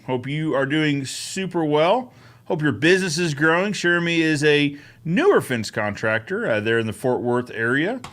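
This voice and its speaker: A man's voice: on the high side, fairly bright tone. Upbeat chatty man hosting a live Q&A. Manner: upbeat, chatty, greets viewers by name. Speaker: host of a live Q&A show. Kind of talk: casual live-stream Q&A.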